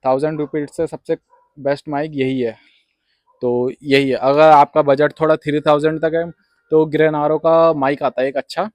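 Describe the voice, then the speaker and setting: A young man records a casual unboxing vlog reviewing a wireless clip-on mic, rambling, repeating himself, and mixing English words into his speech. He films on a rooftop outdoors and indoors, using both the clip-on mic and his phone's mic. His voice is fairly high and a little mellow, with a level tone and moderate pace, in a dry recording.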